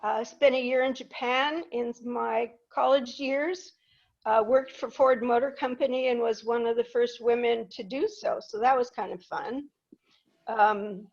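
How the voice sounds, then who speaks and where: The lo-fi clip captures a guest speaker, an older woman raised in Peru, whose fairly high voice carries a darkish tone. She chats with a live audience, spinning humorous, self-deprecating tales from her life.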